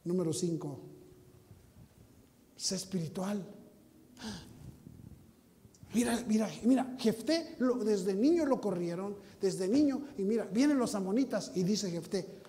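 A man preaching a sermon as pastor, emphatic and teasing, swinging between loud and hushed. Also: sits high, lively intonation, measured pace, in a large hall, a little hiss or hum. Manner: teasing, mocking asides to the congregation.

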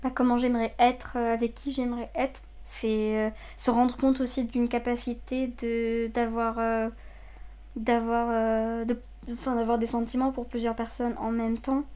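A woman's voice: a little high, flat delivery, normal speed, warm tone. A woman in her twenties who grew up in Saudi Arabia, speaking hesitantly with many fillers and restarts in a personal testimony. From Saudi Arabia, of Lebanese parents. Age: 20s. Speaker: interviewee.

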